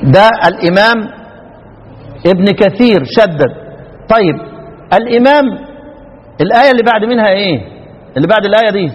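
A man's voice: high voice, expressive, fairly quick, long pauses, breathy edge. A man with an Egyptian accent teaching recitation to a class, quizzing students with questions and drawing out the recited words. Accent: Egyptian Arabic. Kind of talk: classroom lecture. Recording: dull lo-fi recording with long reverb.

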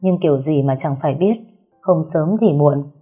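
A woman voicing a calm, reserved young man who speaks evenly. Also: deep voice, moderate pace, husky, faint music behind. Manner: calm and even.

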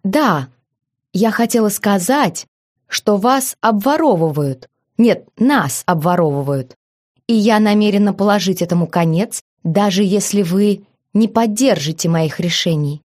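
A woman's voice: medium pitch, animated, measured pace, darkish tone. A woman voicing a shy young bride who turns sharply indignant, with a raised, breathless voice. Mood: nervous. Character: shy, nervous young bride, feisty when cornered.

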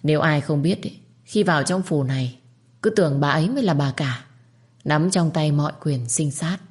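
Low-voiced woman reading a story. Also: normal speed, darkish tone. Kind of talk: scripted narration.

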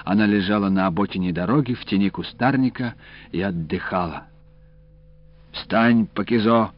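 A man narrating a story in a measured, expressive reading. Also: deep voice. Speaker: audiobook narrator. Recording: dull, dry lo-fi audiobook recording.

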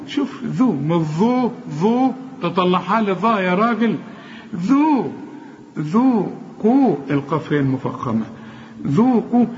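A man's voice: high voice, big-room sound, dull audio, slight background noise. An Egyptian man teaching Quran recitation, correcting mistakes and chanting each example. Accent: Egyptian Arabic. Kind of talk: tajweed lesson.

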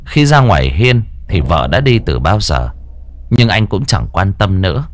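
A man's voice: deep voice, a little hiss or hum. A man narrating a horror audiobook, drawing out words to build suspense. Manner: expressive, drawn-out for suspense. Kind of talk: dramatic horror story narration.

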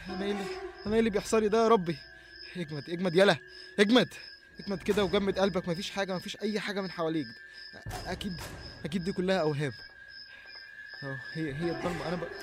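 A man playing a terrified young man lost in the dark. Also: fairly high pitch, close to an everyday voice. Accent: Egyptian Arabic. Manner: panicky, breathless self-talk with stammered restarts. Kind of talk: audio horror drama monologue. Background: faint music and chirping crickets.

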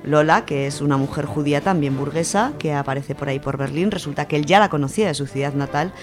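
Speaking quickly in a low-pitched voice over music, a woman with an Aragonese Spanish accent hosts a literary segment on a radio show. Her style is chatty and explanatory, full of fillers.

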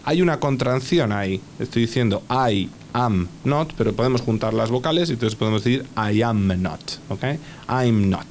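Male radio English teacher, mid-pitched, patient, spells things out. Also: lively intonation, normal speed, slight background noise. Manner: patient, spells words letter by letter, frequent "ok?". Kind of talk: radio language lesson.

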